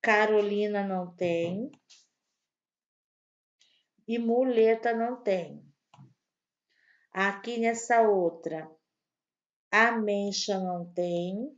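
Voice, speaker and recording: Slow, patient woman teacher. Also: medium pitch, lo-fi sound. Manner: slow, patient, spells out words for young pupils. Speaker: primary school teacher. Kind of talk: online grammar lesson for children.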